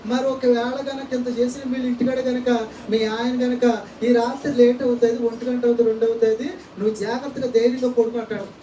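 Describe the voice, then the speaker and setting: A man's voice: extremely high pitch, flat delivery, quick pace, mellow, a little hiss or hum. A male pastor preaching a church sermon, peppering it with rhetorical questions and calls of amen and hallelujah. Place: church hall. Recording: echoey church, distant mic, faint ambience.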